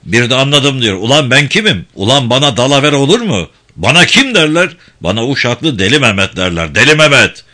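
A man's voice: mid-range voice, animated, normal speed, sharp tone. A man voicing a hot-tempered male prison director who blusters and threatens. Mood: furious.

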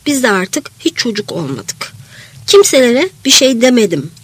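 A woman with a slightly high, breathy voice reads a first-person literary story aloud. Her delivery is reflective and lively in pitch, and at times it sinks to a near whisper. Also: moderate pace, dry recording. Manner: reflective, sometimes dropping to a whisper. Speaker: narrator.

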